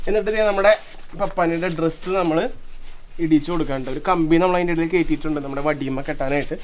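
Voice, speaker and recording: A man's voice: fairly high pitch, racing, slight background noise. A young man chatting playfully to his viewers while making and wearing costume puppets, outdoors. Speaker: vlogger. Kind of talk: casual DIY vlog narration. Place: outdoors, street and park.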